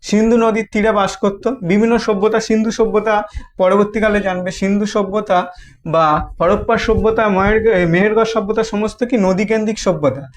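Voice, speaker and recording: A man with a Bengali accent teaches a history lesson in a voice that sits high and stays steady in tone. He poses questions and answers them himself, speaking haltingly with many repeats and restarted phrases.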